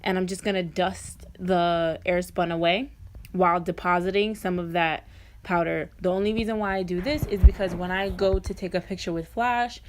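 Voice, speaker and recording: A woman's voice: fairly low pitch, steady tone, normal speed, slight background noise. A woman talking informally and directly to viewers in a casual, chatty makeup tutorial voice-over. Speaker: beauty vlogger.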